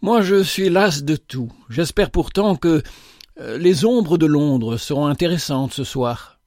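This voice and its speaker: A man's voice: fairly high pitch, expressive, measured pace, darkish tone, no room sound, studio quality. A man voicing a haughty, impatient rich young woman who talks with scorn.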